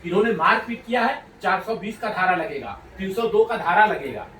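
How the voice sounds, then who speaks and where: High-voiced man quizzing a child playfully. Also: animated, moderate pace, fairly bright tone, slight background noise. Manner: playful, coaxing, laughs often. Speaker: rationalist activist quizzing a child. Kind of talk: casual questioning chat. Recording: roomy sound from a distant mic.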